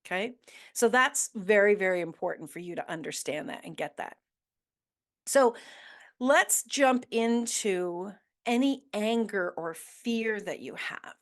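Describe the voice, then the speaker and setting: A woman's voice: medium pitch, expressive. A woman hosting a motivational talk, coaching listeners with earnest questions and emphatic repetition. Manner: slow deliberate delivery with emphatic repetition. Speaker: host.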